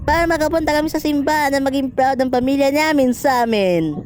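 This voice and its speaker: A man's voice: very high-pitched, fairly quick, slight background noise, voice pushed up. A man voicing an innocent, polite and eager young child in an amateur cartoon dub. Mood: earnest.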